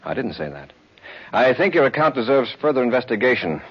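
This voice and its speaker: An actor playing an authoritative space patrol commander, questioning firmly in a 1950s radio drama style. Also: male voice, medium pitch, big pitch swings, brisk, breathy edge. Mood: probing. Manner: firm, clipped questioning. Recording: dull, noisy old radio recording.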